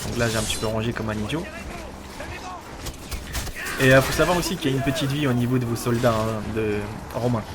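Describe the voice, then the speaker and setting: A man's voice: medium pitch, brisk, pauses often, background noise. A man giving casual, explanatory video game commentary, often asking questions and answering them himself. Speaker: let's player. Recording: loud game music behind.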